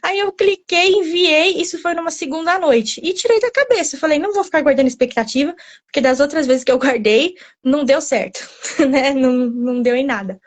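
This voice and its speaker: A young woman in her twenties, an author being interviewed, telling her story in a chatty, animated way and often quoting her own thoughts. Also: high voice, brisk. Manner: chatty, animated, tells the story with quoted self-talk and frequent "né?".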